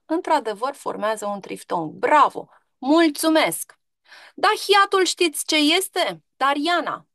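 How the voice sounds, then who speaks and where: A woman's voice: mid-range voice, vocal fry, fairly bright tone, no echo, studio quality. A woman teacher giving an online grammar lesson to pupils, patient and questioning, stretching out example words.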